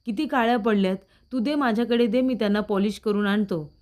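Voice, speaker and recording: A woman's voice: medium pitch, fairly even intonation, fairly quick, darkish tone, close to an everyday voice. A woman reading as a sly scheming young man. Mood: sly, defiant. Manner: smooth, sly. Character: scheming greedy young man posing as his twin.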